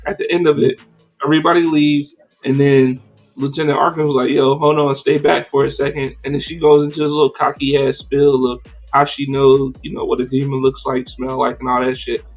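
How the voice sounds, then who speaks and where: A man hosting a casual livestreamed podcast, talking in an animated, slangy and profane way with many fillers. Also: medium pitch, a little fast, highs cut off, faint music behind. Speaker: podcast host.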